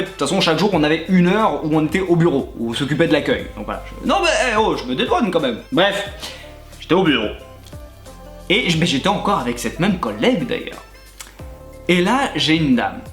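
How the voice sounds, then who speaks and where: A man, a YouTuber and former gym coach, telling crude comic anecdotes straight to the listener, animated and often breaking into laughter. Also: a little high. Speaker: YouTuber recounting his time as a gym coach. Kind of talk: comedic anecdote storytelling to the viewer. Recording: echoey room with faint background music.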